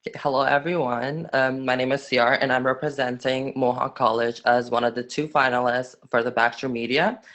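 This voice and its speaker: A nineteen-year-old man from Afghanistan giving a student webinar presentation, halting with frequent fillers and restarts. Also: medium pitch, flat delivery, a bit bright.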